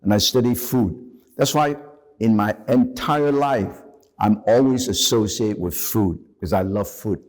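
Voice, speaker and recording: A man's voice: on the low side, unhurried, no echo. An older man from Guangzhou with a Cantonese accent, presenting a documentary to camera in enthusiastic, emphatic English with broken phrasing. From Guangzhou, China. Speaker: chef and presenter.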